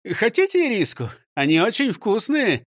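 A pompous, plump candy shop owner brags about his wealth and then whines and begs, voiced by a storybook reader. He drags his words out slowly with a lively, swooping pitch. The sound is close and dry. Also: dry recording. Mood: boastful. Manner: boastful, then pleading and whimpering. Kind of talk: audiobook reading.

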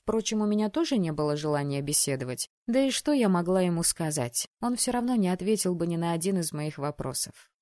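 A woman narrates a first-person novel, her voice fairly low and her intonation rising and falling vividly. The sound is dry and close, with no room around it. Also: lively intonation, a little fast, a little mellow, no echo. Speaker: audiobook reader.

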